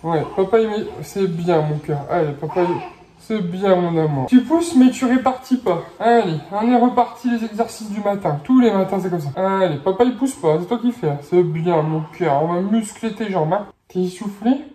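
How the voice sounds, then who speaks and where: A young mother in a casual home vlog, talking softly and cooingly to her baby between chatty updates. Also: mid-range voice, normal speed. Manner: soft cooing baby talk.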